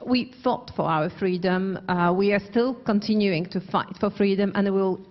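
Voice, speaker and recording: Woman interpreter, translation voice-over, measured delivery, dull lo-fi news audio. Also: medium pitch. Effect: spoken English translation of a foreign speaker's remarks. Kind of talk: interpreting a speech.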